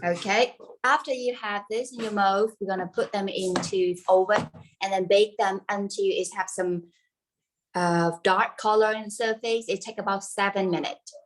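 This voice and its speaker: A woman with a medium-pitched voice and fairly even intonation speaks at a normal pace in this low-quality recording, teaching an informal live cooking class. Originally from central Vietnam and a native Vietnamese speaker, she has a central Vietnamese accent and uses simple English that drops words.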